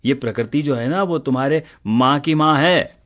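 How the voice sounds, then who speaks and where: A man's voice: mid-range voice, moderate pace, close to an everyday voice. An actor playing a tired office-going husband who teases and scolds his wife, in a radio play. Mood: exasperated. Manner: teasing, exasperated, lively. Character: teasing middle-aged husband, tired office worker.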